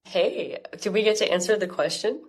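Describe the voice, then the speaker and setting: A woman co-hosting a podcast, slightly congested, explaining things in a halting, thoughtful way. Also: medium pitch. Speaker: podcast co-host. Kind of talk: casual podcast chat.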